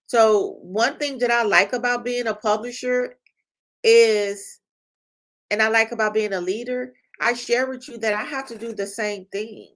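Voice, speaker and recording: A woman's voice: a little high, fairly even intonation, a little slow, fairly bright tone. A middle-aged woman who leads a publishing company, giving an emphatic motivational talk that repeats phrases and checks in with "right?".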